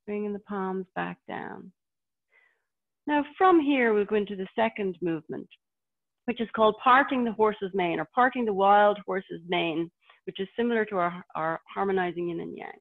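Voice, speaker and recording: A woman teaching tai chi, giving gentle, serene step-by-step movement cues in an informal way. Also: medium pitch. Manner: informal, self-correcting explanations. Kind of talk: instructional movement cues for a class. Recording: thin, phone-like band-limited audio.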